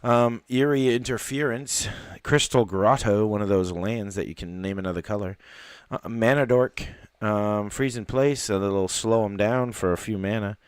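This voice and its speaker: A man hosting a live card unboxing, chatting casually in a rambling way with fillers and excited exclamations. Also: lowish voice, moderate pace, clear, resonant tone, no echo.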